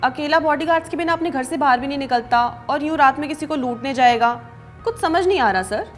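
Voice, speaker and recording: A woman's voice: high-pitched, fairly quick, soft background music, natural voice. A woman playing a dutiful police officer.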